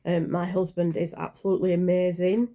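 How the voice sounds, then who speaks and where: A woman's voice: fairly low pitch, level tone, a little fast, mellow. A woman in her forties chatting casually in a vlog, rambling and hesitant, with many fillers and self-corrections. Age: 40s. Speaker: channel creator.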